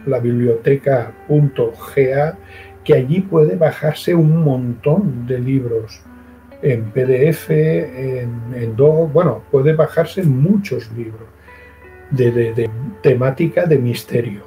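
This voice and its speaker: A man being interviewed as a guest author answers in halting, restart-filled sentences. His voice is mid-pitched and warm, with a mellow softness. Faint music plays behind him. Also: rough recording. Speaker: guest writer. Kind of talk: casual interview chat.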